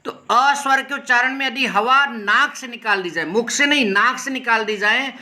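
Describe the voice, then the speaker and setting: A man teaching Hindi grammar, explaining step by step, often checking in with the class and slowing down to sound out individual letters. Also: very high voice, bright, forceful tone. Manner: repetitive, checks in with "ठीक है" often. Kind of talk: explaining a lesson over slides.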